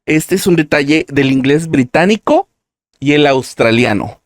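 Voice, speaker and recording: A man's voice: a little high, animated, measured pace, no room sound, clean studio sound. A man teaching a live-streamed language lesson, explaining pronunciation patiently and step by step. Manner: explanatory, talks through examples step by step.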